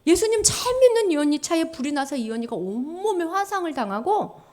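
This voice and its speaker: A woman preaching to children with a high, very lively voice that swoops up and down. She tells stories vividly and acts out the voices of the people in them. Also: fairly quick. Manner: animated storytelling, acting out voices. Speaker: children's pastor. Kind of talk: children's sermon.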